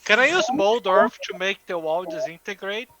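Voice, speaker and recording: A man's voice: sits high, animated, normal speed, over a noisy crowd. A young Californian man playing a tabletop game, chatty and full of questions. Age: young adult. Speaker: player. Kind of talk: casual chat around a tabletop game.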